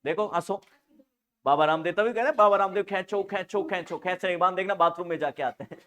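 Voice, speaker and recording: A man's voice: high-pitched, quick pace, slight background noise. A man teaching a nursing exam class online, joking and teasing his students for laughing. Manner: animated, laughs often.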